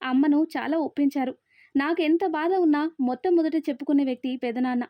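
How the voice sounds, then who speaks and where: A woman's voice: high voice, fairly quick, dry recording, lightly acted. A woman voicing a young man who is grieving and devoted to his uncle, in an earnest storytelling delivery. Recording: dry, slightly dull recording.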